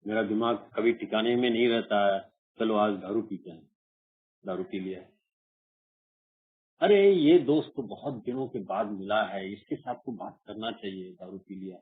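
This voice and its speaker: A man from India speaks at a mid pitch, giving an earnest personal testimony with lots of repetition. The sound is thin and phone-like, as on an online call. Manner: earnest, repetitive, acts out his own past voice. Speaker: recovering alcoholic sharing at a meeting.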